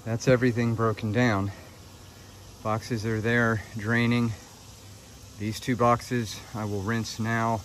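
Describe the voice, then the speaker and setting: A man's voice: medium pitch, little pitch movement, takes it slowly, background noise. A man beekeeper narrating plainly as he works on hives on a backyard deck, recorded on a phone. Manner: plain, matter-of-fact, talking to camera while handling hives. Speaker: beekeeper vlogger. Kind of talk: casual narration while working. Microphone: phone camera held or nearby. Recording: phone recording outdoors with buzzing bees. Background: buzzing bees around.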